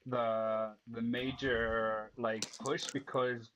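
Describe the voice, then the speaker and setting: Man from iceland, guest debater, medium pitch, faint background noise, clicks. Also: little pitch movement, drawn-out words, a bit bright, low-quality recording. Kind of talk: casual debate chat.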